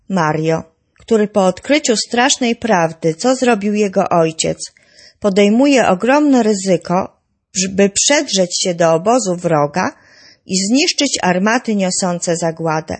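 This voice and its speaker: A woman presenting a novel in calm, informative scripted narration. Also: medium pitch, measured pace, slightly rough. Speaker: book presenter.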